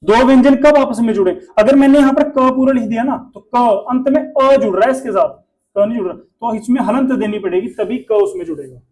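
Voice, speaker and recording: A man's voice: very high voice, fairly quick, a little mellow. A male Hindi teacher, giving a classroom lesson and drilling pronunciation by asking the class questions.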